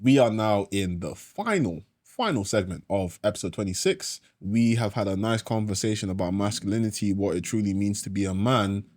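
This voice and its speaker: A man's voice: fairly low pitch, normal speed, hardly any pauses, no room sound, studio quality. A young man hosting a podcast, chatting casually and calling his guest bro. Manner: relaxed banter, calls his guest bro. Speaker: podcast host. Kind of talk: casual chat.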